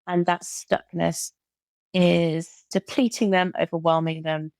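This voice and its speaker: A British burnout recovery coach appears as a guest in a casual interview chat, describing her work enthusiastically and repeating words for emphasis. Her voice sits on the low side and sounds gravelly, with no echo.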